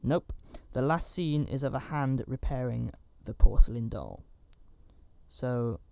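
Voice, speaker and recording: A man's voice: medium pitch, a little slow, vocal fry, mellow. A man giving a casual, rambling recap of a horror movie, with chatty asides and fillers. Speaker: film reviewer.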